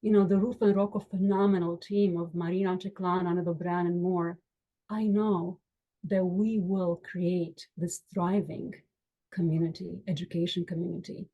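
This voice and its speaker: On phone-quality audio, this fairly low, flat-sounding woman from Romania, an attorney and education board member, speaks to a virtual community gathering over video call. She comes across as sincere and uplifting, pacing herself slowly and stressing her lists.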